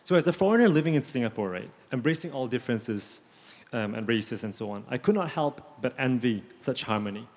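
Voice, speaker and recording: A man's voice: medium pitch, lively intonation, brisk, darkish tone. A teenage male student asking a hesitant question, with many ums, in a large auditorium. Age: teens. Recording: reverberant lecture hall.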